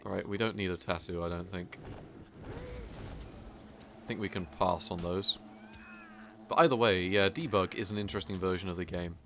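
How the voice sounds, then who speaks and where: A man's voice: sits low, steady tone, normal speed, pauses often, a bit bright, a little hiss or hum. A man giving rambling, casual live commentary while playing a video game, often poking fun at himself. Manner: casual, rambling, self-deprecating.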